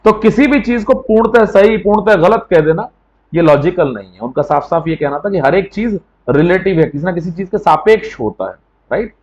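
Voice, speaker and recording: A man's voice: high-pitched, moderate pace, darkish tone, highs cut off. A man teaching an exam coaching lecture in a conversational way, often checking with "right?" as he explains.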